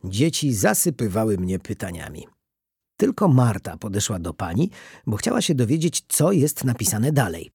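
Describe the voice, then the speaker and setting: A man narrating a children's storybook in a lively reading voice, lifting his pitch for the children's lines. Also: moderate pace, slightly rough, no echo, clean studio sound.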